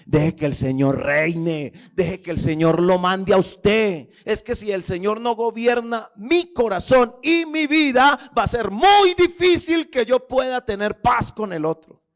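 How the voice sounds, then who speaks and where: High-voiced impassioned preacher man. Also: expressive, a little slow. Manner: impassioned preaching, rising to shouts, addressing listeners as brother. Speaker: pastor. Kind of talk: sermon.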